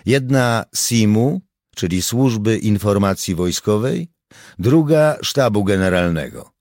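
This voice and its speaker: A man doing a calm, assured young fighter. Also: lowish voice, no room sound, studio quality. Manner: calm, measured, diplomatic. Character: calm, self-assured male demolitions volunteer.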